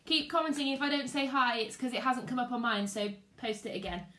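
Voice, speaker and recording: Greeting her livestream viewers with chirpy sing-song warmth, this British woman, who teaches primary school, keeps the chat casual. She sounds a little high and a little fast, with a sharp edge, in an echoey, roomy space.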